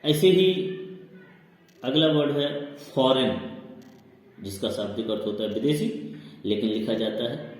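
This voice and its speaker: A man's voice: medium pitch, animated, a little slow, pauses often. A man teaching a lesson to children, spelling out words letter by letter. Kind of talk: classroom lesson on silent letters. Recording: very echoey long-reverb room.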